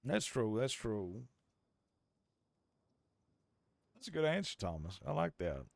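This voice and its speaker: A man plays a Californian outlaw's son in a Western role-play game. He has an American accent and a mid-pitched male voice, recorded very dry. His delivery is folksy, reflective and theatrical, repeating phrases for emphasis. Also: sing-song, moderate pace, vocal fry, no echo. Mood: probing, approving. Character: Old West California drifter, outlaw's son, reflective storyteller.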